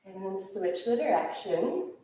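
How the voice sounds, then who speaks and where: A woman teaching a yoga class, calmly and steadily cueing breaths and movements. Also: medium pitch, a little slow. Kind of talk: guided yoga class instruction. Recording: echoey room, voice from far off.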